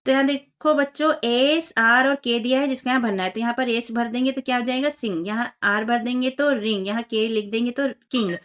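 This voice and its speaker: Female teacher, patient step-by-step children's lesson, slightly high voice, muffled recording. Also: steady tone, brisk, few pauses, a bit bright. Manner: patient, explains step by step, addresses children as 'बच्चों' and 'बेटा'. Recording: dull lo-fi voice recording.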